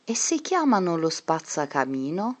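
A woman's voice: lowish voice, very animated, unhurried. A woman voicing a malicious schoolteacher who quizzes her pupils in a coaxing, questioning way. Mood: probing.

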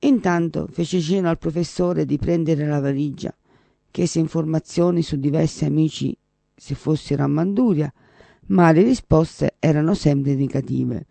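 A man reading a devotional story aloud in a measured, solemn way. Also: fairly high pitch, vocal fry, mellow, dry recording. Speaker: narrator. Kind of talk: scripted narration of a devotional story.

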